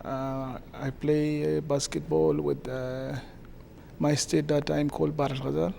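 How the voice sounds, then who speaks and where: A man from South Sudan with a South Sudanese accent, answering interview questions haltingly with many pauses. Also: a little high, little pitch movement, vocal fry, dark tone, a little hiss or hum. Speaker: guest, community association president.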